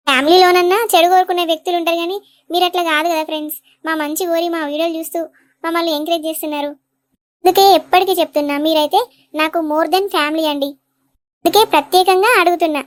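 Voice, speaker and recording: A woman's voice: very high-pitched, no echo, studio quality. A woman, a channel creator and mother, talking earnestly and directly to her viewers in a casual way. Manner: earnest, pleading, talks straight to viewers.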